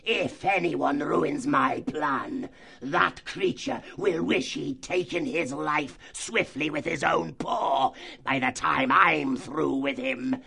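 A menacing audiobook character voice: a man plays a hooded fox, cruel leader of a band of slavers, whose talk is harsh, grating and bullying, with drawn-out threats. The performance is heavily acted and pushed up, in a mid-range voice that's gravelly, husky, expressive and fairly bright.

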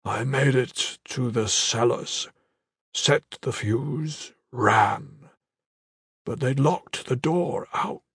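A man voicing a dying, wounded male warrior in an audiobook, speaking weakly in a slow, halting way. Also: mid-range voice, a bit bright, slightly rough, dry recording, clean studio sound, heavily acted. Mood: weak, earnest. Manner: weak, slow, halting delivery. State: fading, barely holding on. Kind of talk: audiobook character voice.

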